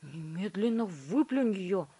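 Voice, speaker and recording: Proud storybook dad read by a woman: stern, blustering, lower and slow. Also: animated, warm tone, husky, heavily acted. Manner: stern then boastful, lower voice. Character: proud, blustering middle-aged father.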